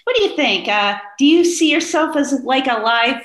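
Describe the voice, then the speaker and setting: A woman's voice: high-pitched, lively intonation, normal speed, fairly bright tone. A woman from rural Pennsylvania co-hosting a podcast conversation, thoughtful and tentative as she feels her way through questions. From rural Pennsylvania, United States. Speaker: podcast co-host. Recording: echoey, roomy sound.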